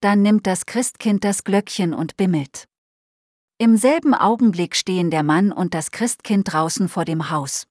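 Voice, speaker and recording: A woman narrating a Christmas storybook in a calm, measured way. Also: lowish voice, dry recording, studio quality.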